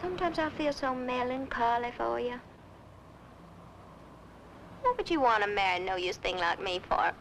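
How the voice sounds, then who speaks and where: A coy Southern belle. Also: female voice, fairly high pitch, animated, normal speed, pauses often, a bit bright, slight background noise. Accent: American Southern. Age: young adult. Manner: drawling, coy. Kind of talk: 1960s TV drama acting.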